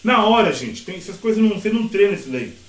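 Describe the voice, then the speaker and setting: A middle-aged man teaching a sign language interpreting class in a casual, lively way, acting out his examples. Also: high voice, fast. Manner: lively, acts out examples and quotes. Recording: echoey room, mic at a distance.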